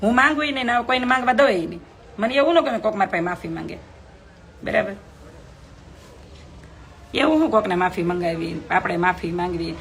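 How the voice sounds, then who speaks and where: An outspoken young woman talks to her live viewers from her phone at home. Her pitch sits in a middle range. A faint hum of background noise runs underneath. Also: animated, a little fast, long pauses. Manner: outspoken, emphatic, reads out comments. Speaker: live video host. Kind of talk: live stream talk to viewers.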